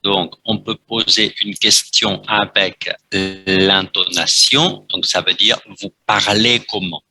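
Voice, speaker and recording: A man with as his teaches a French class, going slowly and repeating himself, dropping "hein" between phrases. His voice is bright and husky, and the sound is dry and close. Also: lowish voice, steady tone, dry recording, poor audio. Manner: slow, repetitive teacher talk with frequent "hein"; switches between French and Vietnamese to explain.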